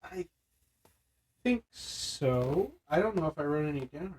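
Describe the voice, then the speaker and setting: A man co-hosting a casual podcast chat, retelling film scenes in an animated way and using "like" often. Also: a little high, measured pace, slightly rough, poor audio. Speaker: podcast co-host.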